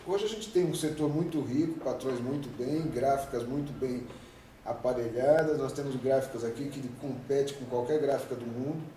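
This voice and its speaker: A man's voice: mid-range voice, dark tone. A Brazilian man in his fifties, a union president answering interview questions at length, emphatic and rambling, full of rhetorical questions. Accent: Brazilian Portuguese. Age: 50s. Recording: echoey room, distant mic, faint noise.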